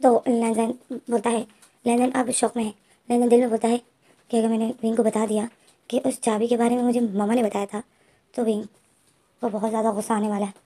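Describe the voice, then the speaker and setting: A woman's voice: fairly high pitch, flat delivery, a little fast, dark tone. A woman with a Hindi accent casually retelling a fan fiction story, voicing both characters' lines herself and talking directly to her listeners.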